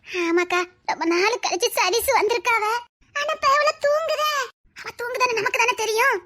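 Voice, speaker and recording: A woman with a Tirunelveli Tamil accent, speaking in a very high, bright voice. She chatters fast and schemes through a village comedy sketch.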